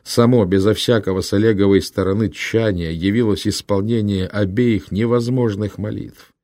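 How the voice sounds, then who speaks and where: A man narrating a literary audiobook in a measured, dramatic storytelling manner. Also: fairly low pitch, steady tone, darkish tone, dry recording, studio quality.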